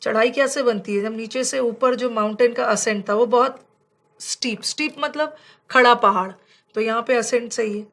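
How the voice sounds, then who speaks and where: A woman with a fairly high voice teaches vocabulary from slides for an exam class. She explains in Hindi that is full of words, and she slows right down to read example sentences. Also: fairly bright tone.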